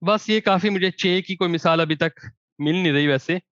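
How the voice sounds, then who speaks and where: Man teaching, slow drawn-out examples. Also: sits high, fairly bright tone, no echo. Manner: slow, drawn-out example words between quick explanation. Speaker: language teacher. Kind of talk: explaining grammar with spoken examples. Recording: dry, dull lo-fi recording.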